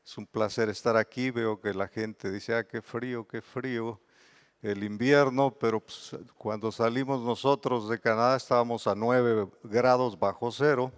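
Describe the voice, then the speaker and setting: A man's voice: mid-range voice, fairly even intonation, measured pace, clear, resonant tone. A middle-aged man with a Mexican accent giving a conference lecture, explaining terms patiently with examples. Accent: Mexican Spanish. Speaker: bee researcher giving a lecture.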